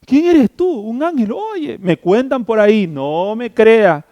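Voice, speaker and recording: A startled old priest, doubtful and incredulous, with an Ecuadorian accent, as a man acts him out. His voice jumps high and swings widely. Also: sing-song, slow, darkish tone, no echo, full character voice. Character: startled elderly priest Zacarías.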